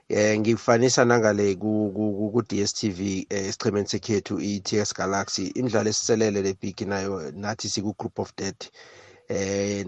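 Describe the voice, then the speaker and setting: Muffled low-voiced South African man, halting. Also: dry recording. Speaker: radio sports show caller. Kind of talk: casual football commentary.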